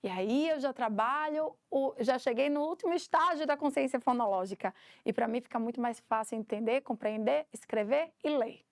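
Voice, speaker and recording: A woman with a high voice teaches a recorded course for teachers. She explains each step and acts out little classroom examples. The recording is close and dry, with no room sound. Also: normal speed, few pauses, dry recording. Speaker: teacher trainer.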